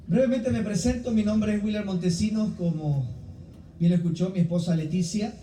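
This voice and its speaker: A middle-aged man with an Ecuadorian Spanish accent, speaking as a guest preacher, delivers a sermon with a personal introduction to a church congregation. His voice sits high and is mellow, with a moderate pace. The church hall recording is roomy and distant-miked, with faint background noise.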